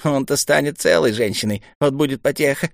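Man playing a young zealous acolyte, pitched up, breathless and eager. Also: fairly quick, creaky, no room sound, studio quality, lightly acted. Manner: excited, breathless whisper.

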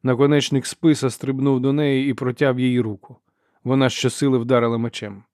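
Steady male audiobook narrator. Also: medium pitch, a little fast, no echo, studio quality. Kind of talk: scripted narration.

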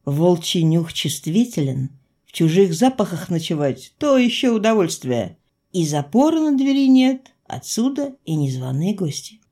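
A woman narrating a first-person audiobook in a wry, expressive storytelling manner. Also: on the low side, normal speed.

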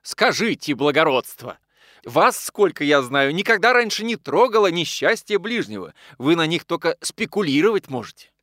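A man reading a story aloud, voicing a spiteful male newspaper publisher with a shrill, shrieking, sarcastic voice. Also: sing-song, normal speed, fairly bright tone, dry recording, clean studio sound. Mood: sneering, shrill. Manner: needling, sarcastic, yelping outbursts.

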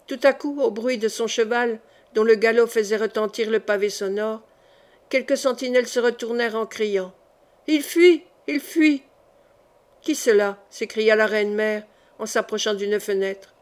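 A woman narrates a historical novel aloud in the manner of an audiobook. Her voice sits a little high for a woman, and she reads with dramatic flair. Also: fairly even intonation, moderate pace. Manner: dramatic reading, raising her voice for shouted lines. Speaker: audiobook reader.

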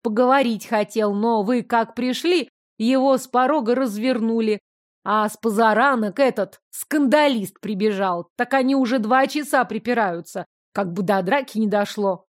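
A woman's voice: a little high, moderate pace, natural voice. A woman voicing a plain-spoken young serving girl with simple folksy speech.

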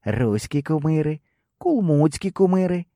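A man's voice: fairly high pitch, animated, unhurried, warm tone, no echo, studio quality, voice pushed up. A man voicing a fearful male steppe shaman who speaks in broken phrases with a plaintive, whining tone. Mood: muttering. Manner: broken grammar, plaintive wail.

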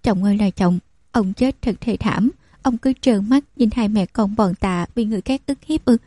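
A woman's voice: medium pitch, moderate pace, dark tone, no echo, natural voice. A woman voicing a scheming village widow who stammers and wails defensively. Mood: wailing.

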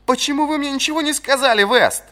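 A man's voice: extremely high pitch, fast talker, bright, forceful tone, pitched above the performer's own voice. A man reading an audiobook, voicing a whiny young male captain who yelps and complains. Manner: yelping, complaining.

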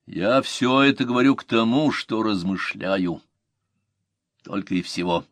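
A man voicing a loyal ancient cavalry commander who speaks in a measured, reflective way, in an audiobook. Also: lowish voice, fairly bright tone, no room sound. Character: thoughtful male cavalry commander, blunt and loyal.

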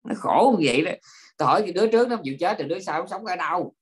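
A man, a Buddhist monk giving an informal dharma talk, lively and full of fillers and repeated words. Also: high-pitched, very fast, husky. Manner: lively storytelling with frequent fillers and repetitions.

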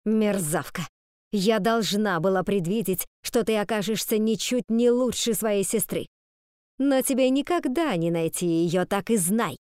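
A woman reading the part of a cruel, scheming schoolmistress who speaks slowly through clenched teeth. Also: medium pitch, darkish tone, clean tone, no room sound, studio quality, close to an everyday voice. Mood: enraged.

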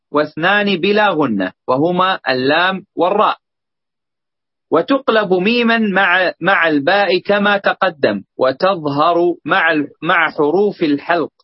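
A man's voice: high voice, no echo. Man reading a text aloud in a lesson. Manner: steady recitation with small slips. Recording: dull, dry lo-fi recording.

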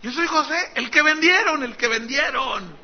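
A preacher acting out an overcome Joseph. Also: male voice, extremely high pitch, normal speed, highs cut off, voice pushed up. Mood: emotional. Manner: emotional, rising exclamations. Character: Joseph, adult man overcome, revealing himself to his brothers.

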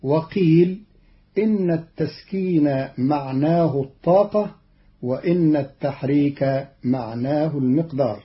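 A man explaining Quran readings in a measured, deliberate scripted radio talk, from an old archival radio recording. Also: a little high, highs cut off.

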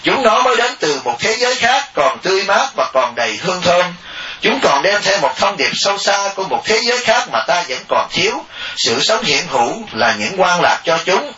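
A monk giving a dharma talk, animated and joking, often mimicking laypeople. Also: male voice, high-pitched. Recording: distant echoey lo-fi recording.

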